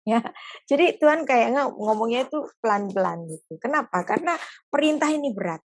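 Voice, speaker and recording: A woman teaching a Bible lesson in a lively, explanatory way, with casual spoken asides. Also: on the high side, brisk, no room sound.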